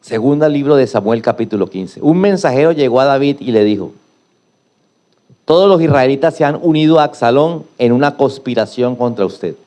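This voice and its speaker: A man's voice: mid-range voice, animated, moderate pace, warm tone. A middle-aged male pastor preaching a sermon, emphatic and prompting the congregation to repeat after him.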